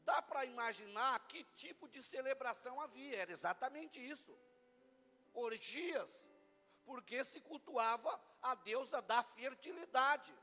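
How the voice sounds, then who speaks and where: A man with a Brazilian Portuguese accent preaching a lively Easter sermon as pastor, bantering playfully with his congregation. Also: very high voice, unhurried, faint music behind. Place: church hall. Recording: long church hall reverb.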